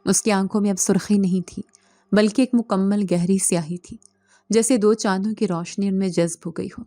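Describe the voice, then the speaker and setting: A woman narrating a first-person horror story in a slow, dramatic scripted style. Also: mid-range voice, fairly even intonation, dark tone, no room sound. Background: faint background music.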